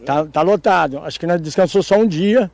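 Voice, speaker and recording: A man's voice: on the high side, brisk, vocal fry, a little mellow. A man who plays the cattle horn, answering a reporter outdoors at a farm fair in a folksy, laughing, rambling way. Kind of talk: casual interview answers.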